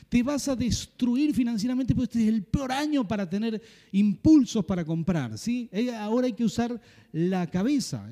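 A man's voice: high-pitched, mellow, big-room sound. A middle-aged man with a Rioplatense Spanish accent, preaching as a pastor and telling a personal story with repetition and humor.

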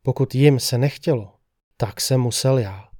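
A man reading a first-person horror story as scripted narration, with a measured, steady storytelling delivery. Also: medium pitch, no echo, clean studio sound.

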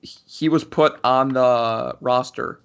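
A man's voice: medium pitch, steady tone, slow pace, gravelly, clear, resonant tone. Rambling young man, dull lo-fi sound. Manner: rambling, many restarts and "like". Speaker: podcast co-host. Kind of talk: casual chat.

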